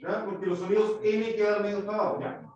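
High-voiced teacher in echoey classroom. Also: male voice, little pitch movement, fairly quick, darkish tone, lo-fi sound. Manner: explains step by step, quizzes students, demonstrates sounds. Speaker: English teacher. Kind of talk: classroom lesson. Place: school classroom. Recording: echoey classroom, mic far off.

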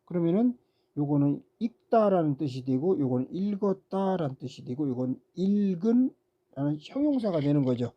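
An English teacher giving a recorded grammar lecture, patiently repeating words, pausing on fillers and asking rhetorical questions. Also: medium pitch, big pitch swings, dull audio. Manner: frequent "ja" fillers between steps.

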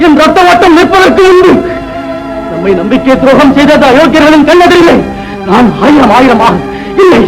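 An actor playing a proud young son who declaims a fiery, defiant vow in old film style. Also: male voice, very high-pitched, animated, moderate pace, low-quality recording. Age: young adult. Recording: old film soundtrack with music.

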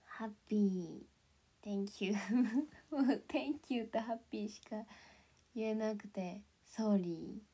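A young woman talking to her viewers in a relaxed livestream, taking her time over every phrase. Her voice sits at an ordinary middle pitch, and she giggles often, drifting now and then into a soft whisper. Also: slow pace, husky. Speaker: idol livestreamer. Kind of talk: casual livestream chat.

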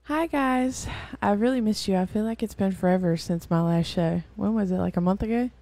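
Chatty, mellow-voiced woman teaching scripture. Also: medium pitch, brisk. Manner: chatty and rambling, with many fillers and self-corrections. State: weary. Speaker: host and Bible teacher. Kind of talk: casual Bible teaching.

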